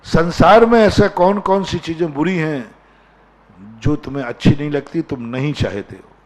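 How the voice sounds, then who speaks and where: A Jain monk preaching with a fairly high voice. He fires rising, emphatic questions at his listeners and hammers points home by repeating single words over and over. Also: moderate pace. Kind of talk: sermon.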